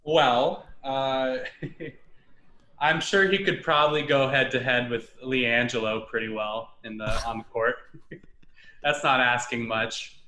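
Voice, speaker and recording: A man's voice: mid-range voice, fairly even intonation, slow pace, bright, forceful tone, echoey room, slight background noise. A man as a guest on a sports podcast, joking and laughing through casual banter.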